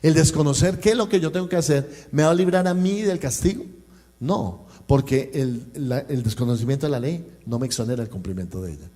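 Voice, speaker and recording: Colombian pastor with a mellow voice. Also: male voice, mid-range voice, expressive, brisk. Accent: Colombian Spanish. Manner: storytelling, acting out dialogue and addressing the congregation. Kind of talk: sermon with personal anecdote. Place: church service.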